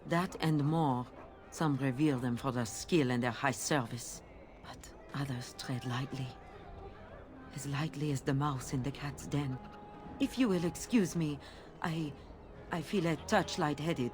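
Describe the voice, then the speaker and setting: Low-voiced French-accented merchant woman. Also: measured pace. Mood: guarded, rueful, then faint, excusing herself. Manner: courteous, formal phrasing with gentle tag questions. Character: genteel Orlesian flower-seller woman, courteous, wistful émigré. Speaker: market merchant. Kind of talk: video game character dialogue.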